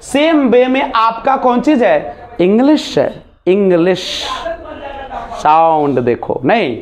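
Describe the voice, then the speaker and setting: Speaking slowly and expressively at an extremely high pitch, a man teaches a basic spoken English class. He voices example sounds, mixes in English phrases, and throws out rhetorical questions as part of the classroom lesson.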